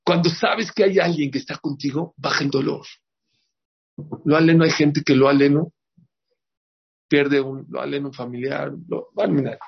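A man gives a religious lesson as a rabbi, and he keeps asking his listeners questions. His voice is gravelly and husky at a middle pitch. The recording sounds dull and lo-fi. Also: moderate pace, long pauses. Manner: lively, asks the audience rhetorical questions. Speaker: rabbi teaching a Torah class. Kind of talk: religious lesson with moral teaching.

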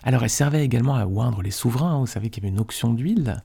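A man with a mellow, gravelly and slightly husky voice hosts a Bible study podcast. He teaches in a relaxed, conversational way and keeps turning to his listeners with questions and little tags. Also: medium pitch, racing. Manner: chatty, asks the listeners questions, often adds "hein".

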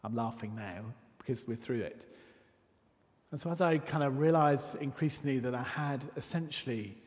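A man giving a sermon in a church, telling a personal story with dramatic pauses and hushed asides. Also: mid-range voice. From north of England. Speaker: preacher. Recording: church hall with long reverb.

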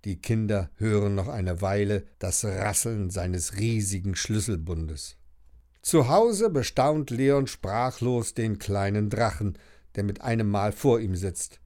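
A man narrating a children's audiobook in an expressive, storytelling manner. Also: lowish voice, slow pace.

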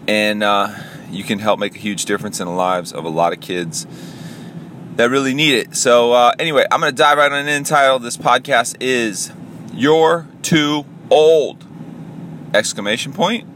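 A man in his forties talks through a casual solo podcast, drifting into asides and laughing at his own story. His voice is bright and forceful, with a light hum of background noise. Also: on the low side. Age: 40s. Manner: conversational, self-amused, storytelling with asides. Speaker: podcast host and youth pastor.

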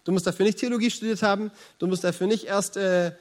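Animated German preacher man. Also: high-pitched, fast talker. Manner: animated, encouraging preaching with rhetorical questions. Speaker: pastor. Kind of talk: sermon.

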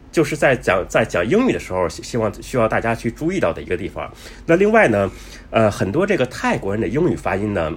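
Male travel vlogger, husky, lively pitch, chatty with lots of fillers. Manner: chatty, many fillers and restarts; says he talks fast. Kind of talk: casual explanatory talk.

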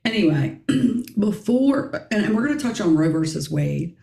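A middle-aged woman hosting a casual podcast discussion, her raspy voice hoarse as she keeps clearing her throat. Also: lowish voice, animated, normal speed, warm tone, reverberant. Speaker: podcast host.

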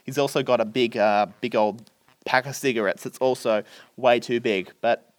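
A man's voice: medium pitch, normal speed, dry recording. Man animatedly retelling a film plot. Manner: animated storyteller, acts out characters' lines.

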